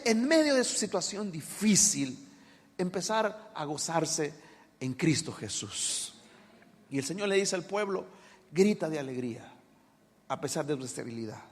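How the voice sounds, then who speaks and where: A male pastor preaching a dramatic, emphatic sermon in a church hall. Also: high-pitched.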